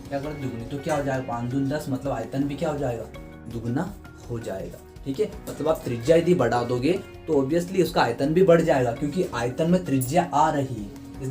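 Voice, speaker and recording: A man's voice: on the high side, mellow. A man teaching a math lesson for exam prep. He asks his students questions, answers them himself, and repeats key terms over and over. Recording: echoey room with guitar music behind.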